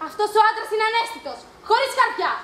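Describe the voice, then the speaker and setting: Martirio, a bitter jealous young sister, played by a young actress. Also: female voice, very high voice, sing-song, a bit bright, full character voice. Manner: stern, reproachful, declaiming. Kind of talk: amateur stage acting. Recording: echoey live stage recording, faint noise.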